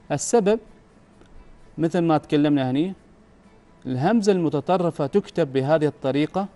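A man's voice: on the high side, darkish tone. Patient Omani male teacher repeating questions. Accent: Omani Arabic. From Oman. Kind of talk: recorded Arabic grammar lesson.

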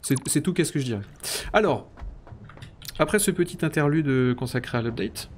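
A man's voice: a little high, expressive, moderate pace, slight background noise. A man streaming a factory-building game, thinking aloud while he builds, counting under his breath and slipping into mock-grandiose, self-ironic banter. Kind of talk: casual live-stream commentary.

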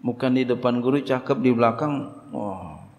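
A middle-aged man teaching a religious book study, talking animatedly, leaping in pitch and acting out bits of dialogue. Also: normal speed. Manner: animated, acts out quoted dialogue, big pitch leaps. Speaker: Islamic teacher. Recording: long hall reverb.

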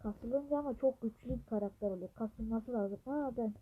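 A woman's voice: fairly high pitch, normal speed, phone-quality sound. A Turkish woman with a blocked nose, chatting casually and muttering to herself as she plays a game. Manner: chatty, mutters and whispers to herself while playing. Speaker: gameplay streamer. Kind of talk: casual gameplay commentary. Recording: noisy home recording.

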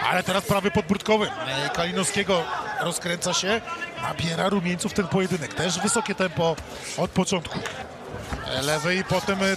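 A man giving live boxing commentary, analytical and animated, with frequent filler sounds. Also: sits high. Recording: loud crowd and noise behind. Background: crowd noise.

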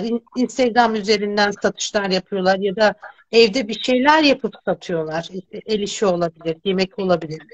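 A woman's voice: a little high, no room sound, dull audio. Emphatic woman host in her fifties. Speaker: talk-show host. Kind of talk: casual talk-show conversation.

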